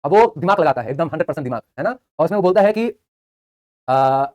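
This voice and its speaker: A man's voice: on the high side, animated, fast, darkish tone. A young man teaching a live online class, chatty, joking between facts and repeating answers for students.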